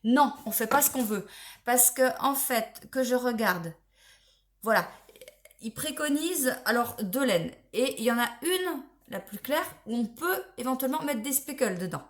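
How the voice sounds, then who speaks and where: A woman's voice: a little high, animated, moderate pace. A woman chatting casually on her knitting vlog, rambling a little and checking things aloud as she goes. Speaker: knitting vlogger. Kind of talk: casual chat.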